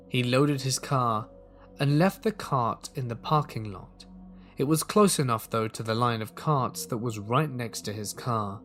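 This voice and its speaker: A man telling a first-person horror story in a calm, steady reading voice. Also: medium pitch. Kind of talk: scripted horror story narration.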